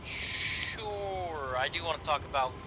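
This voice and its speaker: A man talking as a tank commander in a military game, mixing casual, profane chat with military radio callouts over a loud tank engine. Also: expressive, slow pace. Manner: profane, conversational. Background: loud tank engine rumble.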